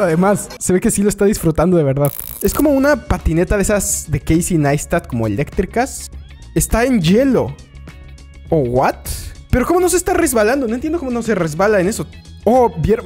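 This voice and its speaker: Lively Mexican man reacting to clips. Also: high voice. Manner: animated, laughing often, quick exclamations. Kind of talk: casual reaction commentary. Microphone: desk microphone.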